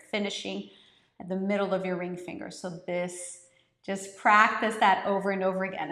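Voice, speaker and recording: A woman's voice: mid-range voice, a bit bright. A woman giving a conversational, step-by-step lesson in meditative breath counting, as an encouraging yoga breathing teacher. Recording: roomy, echoing space.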